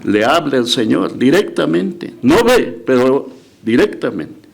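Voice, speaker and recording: A man's voice: mid-range voice, big pitch swings, measured pace, vocal fry, husky. A male pastor preaching a sermon, retelling scripture with emphatic rises and dramatic quoted voices, with frequent restarts. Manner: restarts and self-corrections.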